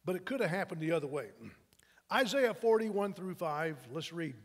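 A man with a high-pitched voice preaches a sermon from the pulpit, telling stories in a loose, conversational way and often restarting his sentences. His voice rings out with a long reverb, as in a large church sanctuary. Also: expressive, moderate pace. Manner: conversational and anecdotal, with frequent restarts. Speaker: pastor.

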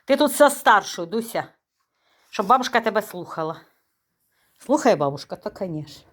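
A woman speaks, into her talk. She chats casually in a home vlog, teasing and cooing at a dog. Her voice leaps up and down in pitch plenty of life. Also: normal speed. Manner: lively, teasing, talks to the dog in baby talk. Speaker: vlogger.

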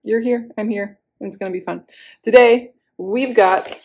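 A woman vlogging in a casual, rambling way, a little hoarse as she is losing her voice, with self-deprecating asides and many fillers. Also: mid-range voice, steady tone, moderate pace, a little mellow. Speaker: beauty vlogger. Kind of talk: casual chat to camera.

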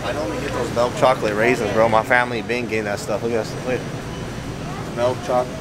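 A man's voice: medium pitch, steady tone, fast talker, a loud crowd. Young man with loose slangy talk. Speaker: fitness vlogger. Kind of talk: casual shopping vlog. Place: big warehouse store, indoors. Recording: noisy store ambience.

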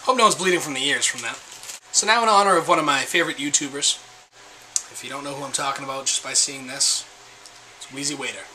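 A man's voice: medium pitch, fast, sharp tone, a little hiss or hum, poor audio. A young man in his twenties chatting casually to his webcam in a small room, rambling and self-deprecating. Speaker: vlogger. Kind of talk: casual chat to camera.

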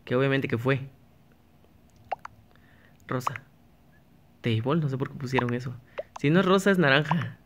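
Speaking at normal speed with long pauses, this medium-pitched gaming YouTuber talks casually as he plays, chatting to himself and to viewers. He restarts sentences often, and there's a little hiss or hum in the audio.

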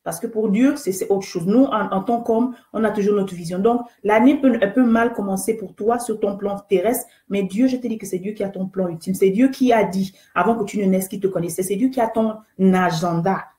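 A woman's voice: medium pitch, fairly quick, hardly any pauses, warm tone, roomy sound. A woman hosting a live faith talk, earnest and exhortative, repeating key phrases and greeting viewers by name. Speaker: host of an online faith talk show.

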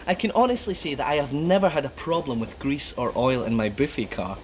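A man's voice: medium pitch, lively intonation, brisk, slight background noise, lightly acted. A man playing a fussy, proud train buffet worker who talks in a chirpy, sing-song way and chuckles often in a children's TV show.

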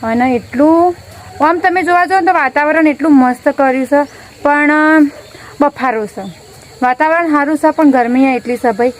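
A woman's voice: sits high, moderate pace, a little hiss or hum. A woman chatting casually to the camera on a village rooftop as a family vlogger, talking into a handheld phone and filling her talk with friendly little filler words. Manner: chatty, keeps adding a friendly filler word.

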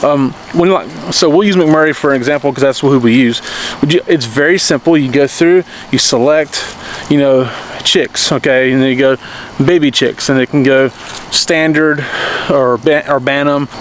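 A homesteading vlogger in his thirties talks casually into a handheld camera held at arm's length in his backyard. His voice is medium-pitched at a moderate pace with a little hiss or hum, and he rambles through his explainer, restarting sentences and often asking "okay?"

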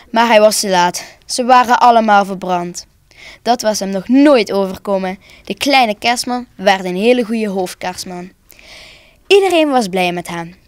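A woman reads a children's Christmas tale aloud in a calm, expressive storytelling voice. Her pitch sits in an ordinary middle range. The recording is close and dry with no room sound. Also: no echo. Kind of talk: children's story reading for broadcast.

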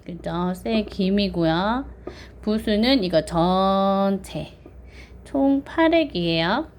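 A woman teaching children online, patiently counting strokes aloud and drilling pronunciation. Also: mid-range voice.

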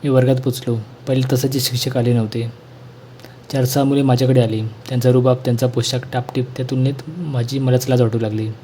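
A man reading a school textbook lesson aloud in a plain, measured way. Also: mid-range voice, level tone, dark tone, a little hiss or hum.

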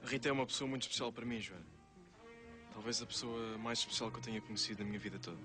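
A man's voice: lowish voice, fairly even intonation, rapid-fire, music in the background, lightly acted. An actor playing a sincere, repentant young man in a television soap, with a European Portuguese accent and an earnest, confessional manner. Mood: earnest, remorseful. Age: young adult. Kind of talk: television soap drama acting.

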